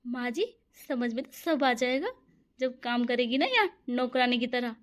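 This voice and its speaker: Cartoon: woman voicing a sly, smug scheming aunt, high. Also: expressive, moderate pace, natural voice.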